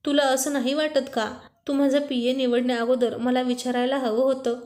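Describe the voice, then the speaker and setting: A woman voicing a quick-tempered young wife who scolds her husband. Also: high-pitched, flat delivery, darkish tone, natural voice. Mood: accusing. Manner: indignant, scolding.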